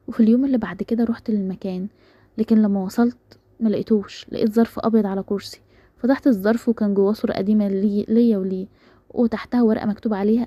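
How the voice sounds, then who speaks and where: A woman with an Egyptian Arabic accent reading a first-person story in rapid, even narration. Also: mid-range voice, no room sound, lo-fi sound.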